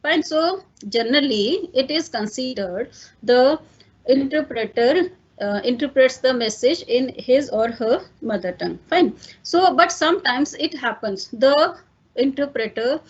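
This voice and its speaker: A teacher with an Indian English accent, a native Hindi speaker, gives an online lecture in a high, animated voice with a breathy edge and a measured pace. She explains things step by step, using many fillers and checking in with "fine." The highs in the audio are cut off.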